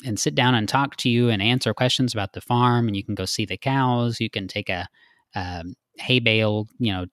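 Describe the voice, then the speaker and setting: A man's voice: medium pitch, fairly bright tone, no echo, studio quality. A man from Texas, a guest in a casual interview, explaining earnestly with frequent fillers.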